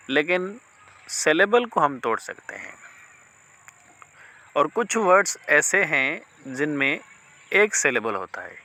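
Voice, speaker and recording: A man teaching linguistics in a slow, deliberate lecture, mixing Hindi and English. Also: fairly high pitch, pushed and bright. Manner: slow, deliberate explaining, words drawn out.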